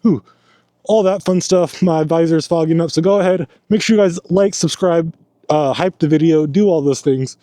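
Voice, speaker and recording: A man's voice: on the high side, moderate pace, warm tone, dry recording, studio quality. A young man vlogging from inside a helmet on a mountain trail, out of breath and talking in a loose, slangy way. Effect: talking from inside a helmet with the visor down. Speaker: e-bike vlogger. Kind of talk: casual chat while riding.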